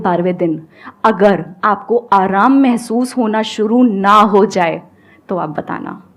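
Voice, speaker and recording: A woman speaking with an Indian accent, a guest giving an emphatic motivational talk that switches between Hindi and English. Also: medium pitch. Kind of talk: motivational talk on a stage show.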